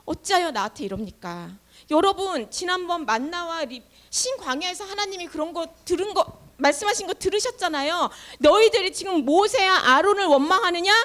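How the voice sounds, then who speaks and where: A woman's voice: extremely high pitch, animated, a little fast, a bit bright, pitched above the performer's own voice. A woman voicing Moses, an older leader pleading with God and his people in a children's sermon. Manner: pleading, distressed.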